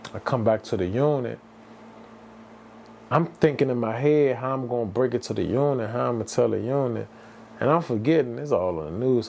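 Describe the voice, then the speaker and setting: Gravelly-voiced man from the D.C. telling his story. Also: medium pitch, dark tone, a little hiss or hum. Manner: loose slang-heavy talk, many restarts and "bruh". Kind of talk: casual storytelling to camera.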